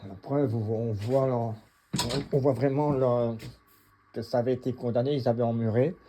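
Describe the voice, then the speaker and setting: A middle-aged man from the Mons region, speaking with a Belgian French accent and a husky voice, gives a casual, unscripted tour of his home gym for his vlog. His delivery is halting, blunt and colloquial, at a medium pitch with a steady tone, over a noisy background.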